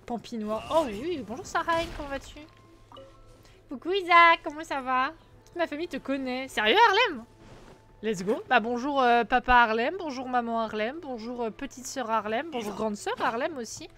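A woman's voice: sits high, expressive, normal speed, pushed and bright. A woman streaming live, chatting casually and playfully with her viewers, teasing and humming between lines. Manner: playful, teasing, chatty, hums and sings syllables. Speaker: Twitch streamer.

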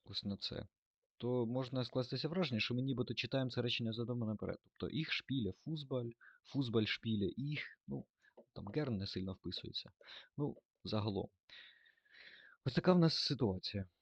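A man's voice: medium pitch, brisk, no echo, muffled recording. A man teaching German grammar in a lesson, thinking aloud with fillers and self-corrections.

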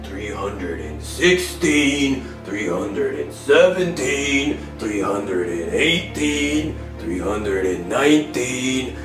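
A man's voice: medium pitch, echoey room, poor audio. A man doing a scheming, greedy mom. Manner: sly and scheming. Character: scheming greedy mother, an escaped convict. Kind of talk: puppet comedy acting.

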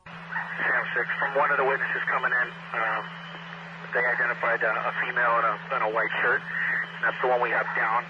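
A man, a police officer at a scene, speaking over police radio in a steady, halting way with many pauses while he directs units. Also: medium pitch. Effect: police radio transmission. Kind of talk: terse radio traffic with fillers. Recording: lo-fi police radio with loud static.

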